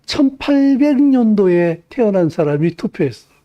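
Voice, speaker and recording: A man's voice: high voice, very animated, moderate pace, highs cut off. A male pastor preaching a sermon in a church, impassioned and emphatic, rising to fervent peaks.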